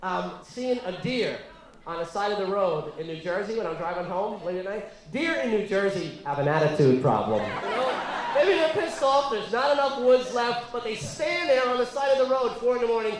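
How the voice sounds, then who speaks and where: A man performing a stand-up routine on a comedy club stage, wry and punchy, shouting his punchlines, with an audience laughing. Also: high voice, very animated, normal speed, background noise. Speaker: stand-up comic. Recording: echoey club with loud laughing crowd.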